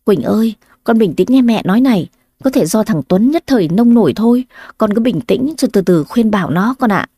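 Older mother-in-law in a storybook, read by a woman, fretful, scolding, raised pitch, dry recording. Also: expressive, fairly quick, mellow, no room sound. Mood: worried. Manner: anxious, pleading then scolding.

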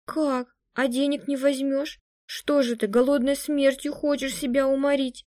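Woman reading as a tearful middle-aged mother, plaintive, pleading, raised pitch, mellow. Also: fairly even intonation, unhurried, no echo, clean studio sound. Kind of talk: audiobook reading.

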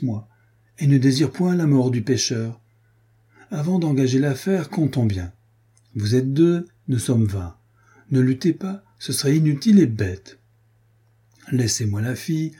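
A man's voice: mid-range voice, lively intonation, a little slow, mellow, slightly rough. A man voicing a boastful, swaggering mercenary captain who makes mocking threats, in an audiobook. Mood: mocking menace.

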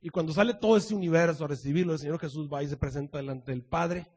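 A male preacher telling a sermon story dramatically, swinging from loud proclamations to hushed asides. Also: a little high, fast, breathy edge.

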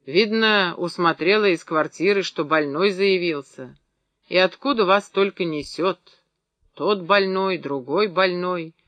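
A man reading the lines of a gruff, stout middle-aged woman who cleans a small clinic and scolds patients bluntly. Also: high voice, a little slow, sharp tone, no echo. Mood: scolding.

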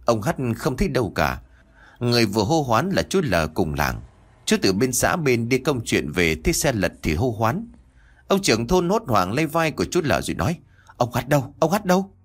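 A male storyteller reads a village ghost story for an audiobook. His pitch moves widely and lively through each sentence, and he leans into the drama of the telling. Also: normal speed, breathy edge. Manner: expressive, dramatic.

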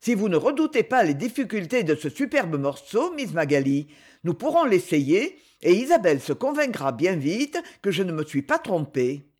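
Audiobook reading of a haughty young duke who speaks in short, commanding phrases, as a woman narrator gives him voice. The delivery stays a little lower and firm, with lively rises and falls in the line. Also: normal speed, husky. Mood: peremptory. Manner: curt, commanding. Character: proud, curt young duke, a man.

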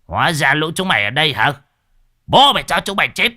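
A man voicing a brash, hot-headed male exorcist sidekick who yells threats. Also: a little high, very animated, quick pace, pitched above the performer's own voice, full character voice. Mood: furious.

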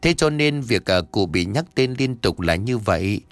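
A man voicing a cheeky, flattering young male ghost who talks politely and pleadingly to an elder. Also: on the low side, normal speed, no echo, faint music behind, lightly acted. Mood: fawning.

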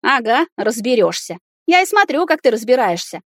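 A woman's voice: on the high side, sing-song, moderate pace, no echo, clean studio sound, pitched above the performer's own voice. A woman voicing a bossy, stern grandmother who scolds her grandson in a raised voice. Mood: scolding. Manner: commanding, scolding.

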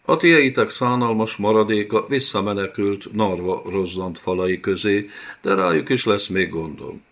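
Gloating and cruel, the huge male beast-warlord this man voices for an audiobook taunts with a sneering, mock-tender edge. His voice is fairly low in pitch, creaky, and a bit bright.

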